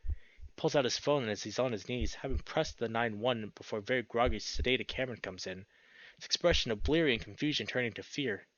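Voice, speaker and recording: Brisk and a bit bright in his mid-range voice, this let's play host performs a visual novel with dramatic narration and sudden exclamations. Behind him, game music runs under a dull, lo-fi recording.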